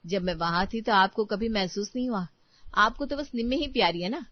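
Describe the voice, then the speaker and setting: A woman's voice: mid-range voice, fairly quick, no room sound, muffled recording, lightly acted. A woman doing a bitter young daughter-in-law. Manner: bitter, accusing.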